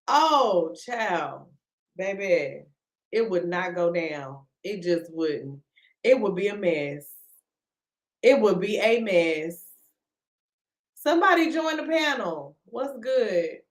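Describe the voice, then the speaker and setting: Exasperated woman live-streamer, slow slangy drawl, roomy echo. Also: medium pitch, lively intonation. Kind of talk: casual live-stream commentary.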